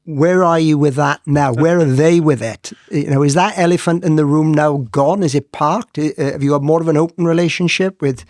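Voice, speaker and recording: A man's voice: on the high side, steady tone, a little mellow, no room sound. A middle-aged man from the south Wales Valleys with the local accent, hosting a reflective interview. He feels his way through questions, repeating words as he goes, in a closely recorded, dry sound. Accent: Welsh Valleys. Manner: halting, tentative phrasing with repeated words. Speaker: interviewer, host.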